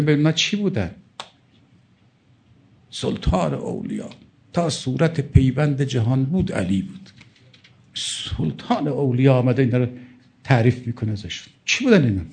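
A man's voice: medium pitch, darkish tone. A middle-aged male cleric giving a religious sermon, emphatic and pleading as he quotes and explains Arabic texts. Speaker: cleric preacher.

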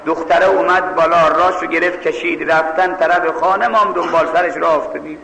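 A man's voice: fairly high pitch, fairly even intonation, vocal fry, bright, forceful tone. A man with a Mashhad accent preaching a sermon, telling a story and scolding his listeners emphatically. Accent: Mashhad Persian. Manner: emphatic, scolding, acts out voices. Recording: echoey hall with long reverb, faint ambience.

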